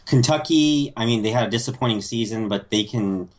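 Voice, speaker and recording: A man's voice: medium pitch, brisk. Laid-back male podcast co-host. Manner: reads results in a newscaster-like recap, laughs often. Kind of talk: casual podcast chat.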